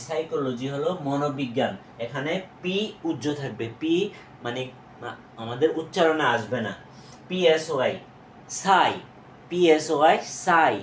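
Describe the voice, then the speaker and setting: A man with a Bangladeshi accent teaching a vocabulary lesson, spelling words letter by letter and repeating how to say them, quizzing his students as he goes. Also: medium pitch. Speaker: English teacher. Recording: echoey room with faint noise.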